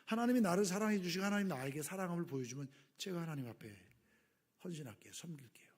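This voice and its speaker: A man preaching a sermon as pastor, impassioned, dropping to hushed whispers and rising to near-shouts. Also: high-pitched, lively intonation, fast talker. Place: church sanctuary.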